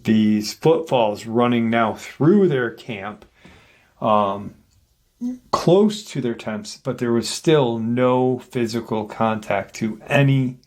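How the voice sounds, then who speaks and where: A man's voice: mid-range voice, takes it slowly, a little mellow. A man retelling a paranormal encounter account in unscripted speech, with frequent fillers and restarts. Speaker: paranormal story narrator.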